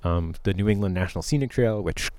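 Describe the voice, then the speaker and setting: A man's voice: low voice, quick pace, darkish tone. A man, a musician guest, giving thoughtful, meandering answers in an interview conversation. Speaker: musician guest, artist in residence.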